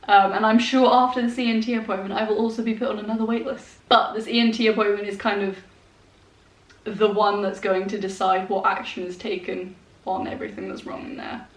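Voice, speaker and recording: Talking fairly quickly in a flat, medium-pitched voice, this twentysomething woman vlogs from a bare room at home while nursing a congested head cold. She rambles casually with fillers and small laughs, and her handheld compact camera catches her from a distance, slightly off-mic, with echo filling the room.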